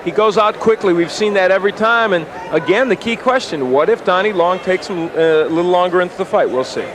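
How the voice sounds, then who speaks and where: A man's voice: high voice, brisk, crowd noise. A man working as a boxing analyst, with a sports broadcast commentary delivery.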